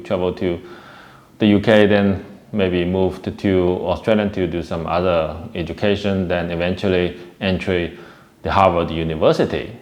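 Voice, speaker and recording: A man hosts a casual video commentary in a low, darkish voice. He rambles and hesitates, restarting often.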